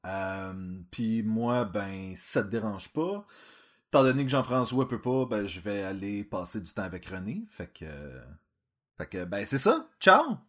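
Lively Québécois man, teasing. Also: lowish voice, measured pace. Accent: Québécois French. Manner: teasing, correcting pronunciations. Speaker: podcast co-host. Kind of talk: casual chat.

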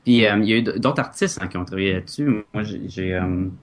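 A man's voice: on the low side, quick pace, slight background noise. Québécois man stumbling over names. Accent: Québécois French. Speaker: podcast co-host. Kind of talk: casual chat about comics and films.

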